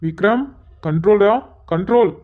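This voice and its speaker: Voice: mid-range voice, normal speed, lightly acted. Brief: performer doing a flustered cartoon husband, exasperated and pleading, dull lo-fi audio. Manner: exasperated, pleading, sighing asides. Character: flustered young married man, patient and exasperated.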